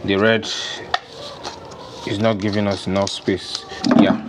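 A young Nigerian-accented man working as a DIY farming instructor walks through an informal, unscripted hands-on demonstration step by step in an open-sided poultry house with a concrete floor. His voice is lowish, flat and slow, buried in heavy background noise, with music playing.

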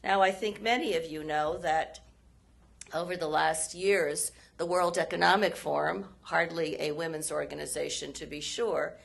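A hoarse woman, a former State Department official, gives a formal policy lecture at a university event, speaking in measured phrases with frequent pauses. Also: low-pitched, fairly even intonation. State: hoarse, frog in her throat.

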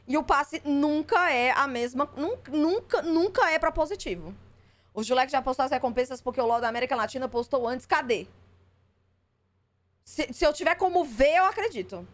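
Brief: high-voiced woman streamer, skeptical and exasperated live reaction, salty language. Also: lively intonation, moderate pace. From Brazil. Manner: skeptical, exasperated, swears freely.

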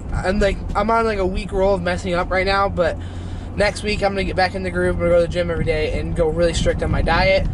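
A seventeen-year-old young man chatting casually in a car vlog, rambling and swearing in an upbeat way. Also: high voice. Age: teens. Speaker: vlogger. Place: inside a parked car. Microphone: camera on the dashboard. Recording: noisy car recording.

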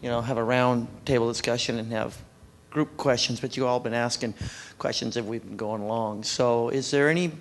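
A man runs the question session at a conference panel in a mid-range voice. He keeps things moving briskly, with a faint hum of the room behind him. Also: mid-range voice, steady tone. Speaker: panel moderator. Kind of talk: moderating a conference Q&A.

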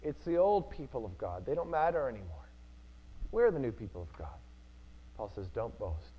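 A man's voice: medium pitch, very animated, moderate pace, slight background noise. Earnest male preacher, slightly dull recording. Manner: earnest, repeats key phrases for emphasis. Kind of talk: sermon. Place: church.

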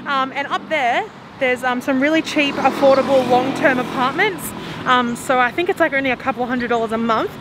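A woman's voice: high-pitched, a little fast. A young woman vlogging to a handheld camera as she walks through the city, chatting in a rambling way and often laughing. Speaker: travel vlogger. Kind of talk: casual walking vlog. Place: outdoors on busy city streets. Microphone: handheld camera at arm's length. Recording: street noise behind. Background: traffic and city street noise.

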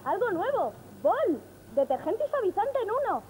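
An actress playing a perky, cheeky young daughter in a TV commercial. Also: female voice, high voice, very animated, moderate pace, darkish tone, slight background noise, poor audio. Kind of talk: acted commercial sitcom dialogue.

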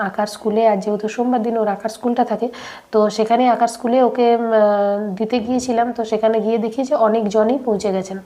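A woman's voice: on the high side, darkish tone. A young woman, narrating her daily-life vlog while she has a cold, chatty and speaking straight to viewers with many fillers. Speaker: vlogger.

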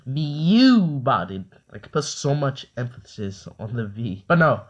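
A man's voice: mid-range voice, normal speed, fairly bright tone, muffled recording. Young man rambling over a PC mic. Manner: rambling, stumbling over words. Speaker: commentary vlogger. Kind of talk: casual commentary. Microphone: built-in computer mic.

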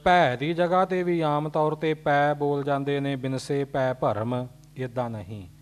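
A man's voice: a little high, fairly even intonation, normal speed, clear, resonant tone. A man teaching scripture pronunciation, patiently explaining corrections. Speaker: recitation teacher. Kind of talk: pronunciation lesson.

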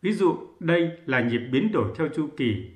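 A man teaching a music theory lesson, explaining calmly and counting beats aloud. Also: fairly high pitch, moderate pace, roomy sound. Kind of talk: slow, measured lesson narration.

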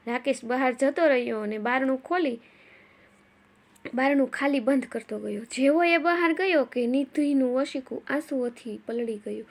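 A woman narrating a dramatic family story in a measured storytelling manner. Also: high-pitched.

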